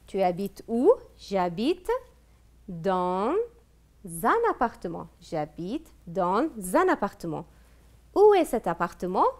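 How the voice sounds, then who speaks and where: Woman teacher doing a tv review lesson, slow patient questions, pitch goes all over. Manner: slow, patient, asks questions and praises answers. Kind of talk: televised classroom review lesson.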